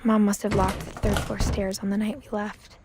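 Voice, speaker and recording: A young woman voices a reflective teenage girl in scripted first-person game narration, recalling her family in a wistful, understated way. Her medium-pitched delivery is flat and lightly acted at a moderate pace, over a noisy background.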